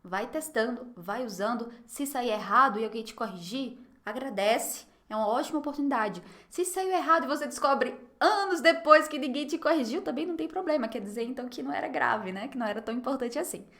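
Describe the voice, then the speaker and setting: A young Brazilian woman with a Brazilian Portuguese accent who teaches French online, encouraging and repeating words slowly for learners to copy. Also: high-pitched, animated, a bit bright. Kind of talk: online language lesson.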